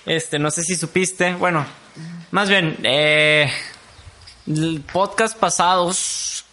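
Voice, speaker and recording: Bright-voiced young Mexican man chatting. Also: a little high, takes it slowly. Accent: Mexican Spanish. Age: young adult. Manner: slangy, animated, swearing. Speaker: podcast co-host. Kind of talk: casual chat.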